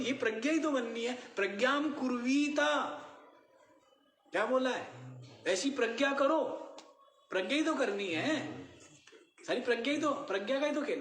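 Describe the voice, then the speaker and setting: A man's voice: very high-pitched, fairly bright tone. A man giving a spiritual discourse as a swami, often quizzing his listeners with short questions. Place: ashram hall. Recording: echoey room, faint hiss.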